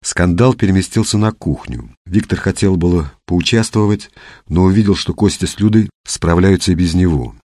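A man narrating an audiobook in an even, unhurried storytelling manner. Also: sits low, dry recording. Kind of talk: scripted narration.

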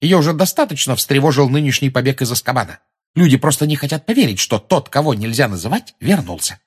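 A man's voice: on the high side, sing-song, moderate pace, breathy edge, pitched above the performer's own voice. A man reading an audiobook, voicing a cold, mocking female journalist in a raised voice. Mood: businesslike. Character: sharp, scornful adult female journalist.

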